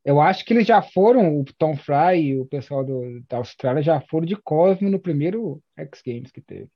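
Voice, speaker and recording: A man with a Brazilian accent speaks in a fairly high, animated voice at normal speed, on a lo-fi recording with no room sound. An experienced inline skater, he chats casually about gear in slangy speech, repeating phrases for emphasis.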